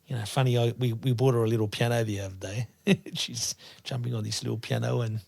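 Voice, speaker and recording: A man's voice: mid-range voice, brisk, creaky, dry recording. A man speaking as a podcast guest in earnest, casual chat, often adding "you know". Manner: earnest, repeats "you know", animated when quoting dialogue.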